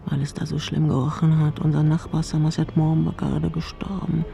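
An older woman plays a frail, eccentric elderly mother in a radio play, dreamy, nostalgic and imperious. Her low, warm voice has vocal fry and a flat delivery, and her recollections come out slurred, drowsy and halting.

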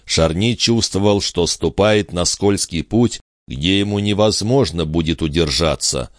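A man narrating an audiobook in a calm, even storytelling manner. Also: sits low, a little slow, dry recording, studio quality.

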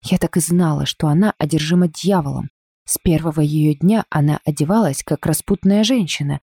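A hateful, zealous village woman, preachy and accusing, in a low mellow voice, as a woman reader puts her on. The sound is close and dry, like a storybook reading. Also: brisk, breathy edge, dry recording.

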